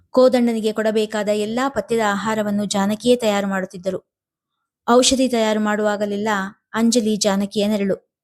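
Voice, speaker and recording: A woman narrating a serialized family drama in a measured, expressive reading. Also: medium pitch. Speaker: storyteller.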